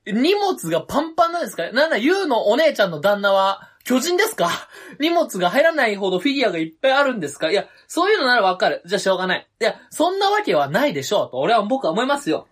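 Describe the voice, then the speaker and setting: A man's voice: high-pitched, sing-song, very fast, few pauses, a bit bright, husky. A man co-hosting a comedy duo's podcast, teasing his partner with incredulous retorts in casual banter. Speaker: comedy duo co-host.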